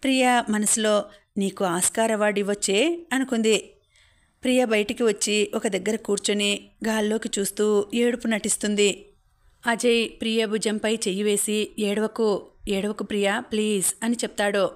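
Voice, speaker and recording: Woman reading a story in a flat, even voice. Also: mid-range voice, moderate pace. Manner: reads every character's lines in her own voice. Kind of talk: scripted story narration.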